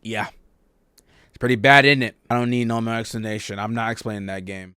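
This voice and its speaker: A young man giving casual, joking tier-list commentary on video games, excitable and chatting straight to his viewers. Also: mid-range voice, brisk, smooth, no echo, studio quality. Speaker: gaming YouTuber.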